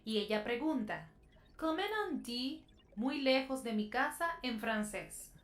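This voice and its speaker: A woman's voice: fairly high pitch, lively intonation, unhurried. A woman co-hosting an educational broadcast, reading viewer messages and prompting the teacher with questions.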